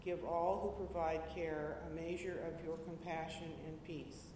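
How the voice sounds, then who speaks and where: A woman reading intercessions in a measured, formal liturgical manner in a large church. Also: low-pitched, fairly even intonation. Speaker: prayer reader. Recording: echoey church, distant mic, clear noise.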